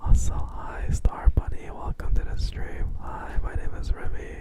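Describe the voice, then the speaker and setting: A man in a whispered ASMR stream, talking softly and sleepily to his chat, close to a sensitive mic. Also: unhurried. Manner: soft whispering, drowsy and relaxed. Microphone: sensitive studio recorder mic.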